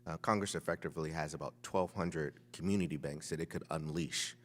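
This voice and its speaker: A man testifying as a witness at a hearing, giving rapid answers full of figures. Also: very deep voice, fairly bright tone, in a large hall.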